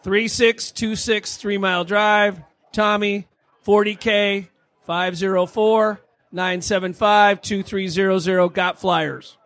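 A man gives a terse, clipped property pitch at an investors' meeting. His voice is high and flat, and he talks slowly. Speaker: real estate seller pitching a property.

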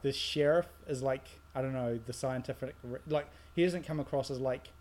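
A man's voice: medium pitch, moderate pace, a little mellow. A man co-hosts a podcast, picking apart a film in casual chat. He rambles animatedly, restarting sentences as he goes. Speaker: podcast co-host. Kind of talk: casual movie review chat.

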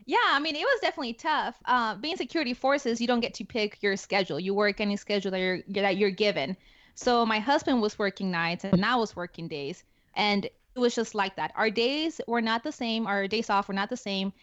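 This young adult woman, a security forces NCO with a Spanish accent, is a guest in an interview and speaks casually, full of fillers and restarts. Her medium-pitched voice is brisk and a bit bright. The recording is dry, with a dull lo-fi quality.

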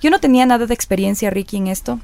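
A woman's voice: racing, creaky, no echo. A woman radio presenter in her thirties telling her story in a casual interview, acting out the dialogue she recalls. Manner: lively, acts out quoted dialogue with rising pitch.

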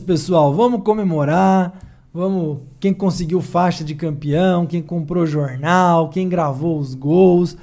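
High, mellow-voiced Brazilian man. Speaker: football fan presenter. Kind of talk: casual talk to viewers.

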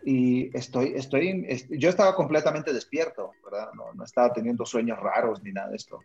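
A man's voice: mid-range voice, brisk, creaky, a little mellow, highs cut off, soft background music. A young man from Honduras with a Honduran accent, a missionary telling his personal story in a radio interview, hesitant, with frequent fillers and tag questions. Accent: Honduran Spanish. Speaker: missionary guest.

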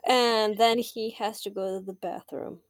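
A woman's voice: on the high side, takes it slowly, no echo. A woman co-hosting a podcast, recapping an anime in casual chat, wry and teasing, slipping into mock character voices. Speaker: podcast co-host.

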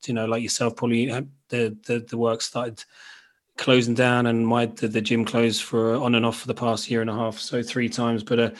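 Even-toned Irish man hosting a podcast. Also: medium pitch, moderate pace. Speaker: podcast host. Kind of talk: casual interview.

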